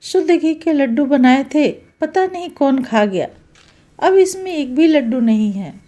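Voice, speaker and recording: A woman voicing a bossy middle-aged mother-in-law who talks in a scolding, commanding way, slow and high. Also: expressive, dark tone. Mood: upset.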